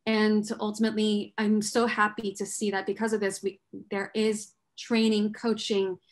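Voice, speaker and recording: A woman's voice: mid-range voice, little pitch movement, normal speed. A woman on a panel discussion, telling a personal story in an earnest, reflective way with many fillers and restarts. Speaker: panel guest. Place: New York.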